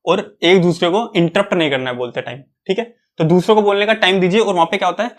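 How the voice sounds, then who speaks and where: Young male guide, fairly high voice, relaxed conversational coaching tone. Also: quick pace. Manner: conversational, often checks in with "okay". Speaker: exam preparation guide. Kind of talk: casual advice talk.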